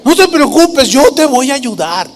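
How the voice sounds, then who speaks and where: A preacher voicing a fawning, flattering man who sighs sweetly and mincingly. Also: extremely high pitch, unhurried, long reverb tail, slight background noise, voice pushed up, full character voice. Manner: sighing "ay" in a syrupy, mincing tone.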